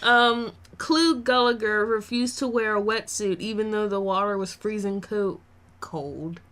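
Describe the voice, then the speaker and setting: A woman's voice: medium pitch, a little slow, fairly bright tone. A woman co-hosting a podcast in easygoing, casual chat. She sounds tired late at night and speaks in an everyday mid-range voice. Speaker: podcast co-host.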